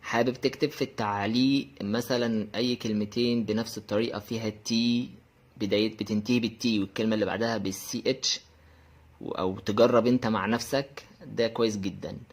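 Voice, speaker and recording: A man's voice: on the low side, steady tone. Egyptian man teaching English pronunciation. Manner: patient, repeats example phrases slowly and clearly. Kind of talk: online pronunciation lesson.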